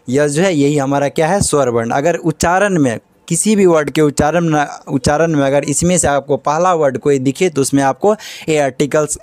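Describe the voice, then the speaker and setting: A man's voice: fairly high pitch, darkish tone, no room sound. Man teaching with question-and-answer repetition. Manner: repeats questions and answers them himself. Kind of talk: classroom grammar lesson.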